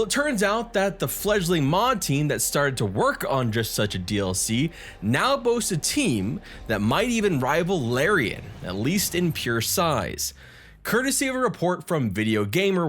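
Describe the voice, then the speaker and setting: A man's voice: fairly high pitch, a bit bright. A man hosting a casual gaming news video, enthusiastic with self-deprecating asides.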